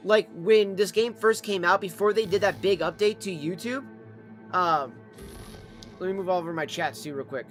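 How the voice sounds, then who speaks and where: A man's voice: high-pitched, normal speed, faint music behind. A man chatting casually on a livestream in a rambling, repetitive way, with some swearing. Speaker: live streamer.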